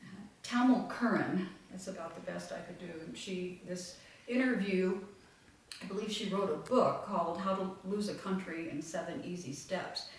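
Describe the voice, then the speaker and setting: A woman's voice: fairly low pitch, normal speed, a little hiss or hum. A woman leading a full moon meditation group, talking reflectively to a live audience and meandering with many fillers. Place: meeting room with audience. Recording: echoey room, far from mic.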